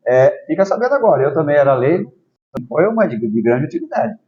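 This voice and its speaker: A man's voice: on the high side, sing-song, fast talker, darkish tone. A Brazilian man hosting a casual interview, friendly and prompting his guest with frequent tag questions. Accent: Brazilian Portuguese. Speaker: interview host. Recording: slightly dull lo-fi audio.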